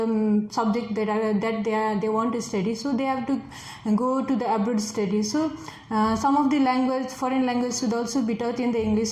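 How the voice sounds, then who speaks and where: Speaking with a Nepali accent, a native Nepali speaker in her twenties sits an exam as a test candidate and forest officer. She answers hesitantly with many filler words in a voice that is on the high side and a little mellow. An echoey room and faint noise come through.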